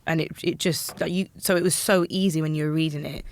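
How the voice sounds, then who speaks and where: A woman, an actress being interviewed, lively and giggly. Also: low-pitched, quick pace. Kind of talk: casual interview chat.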